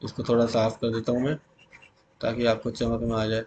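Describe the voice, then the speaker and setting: A man's voice: mid-range voice, completely flat delivery, a little mellow, slight background noise. A male teacher giving an exam revision lesson, calling his students "beta" and repeating key words back to them as questions. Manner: reads English SQL commands slowly, word by word.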